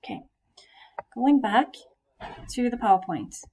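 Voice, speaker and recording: A woman's voice: fairly high pitch, lively intonation, unhurried, a little mellow, slight background noise. A woman teacher talking through a recorded lesson, explaining step by step with frequent fillers and questions to her students.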